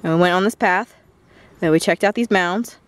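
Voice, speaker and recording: A woman's voice: lowish voice, no echo. A young woman from West Virginia chatting casually and rambling on while filming a walk through a windy garden. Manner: rambling, chatty, quick laughs. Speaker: vlogger. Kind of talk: casual walking vlog chat. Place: outdoors in a windy botanical garden.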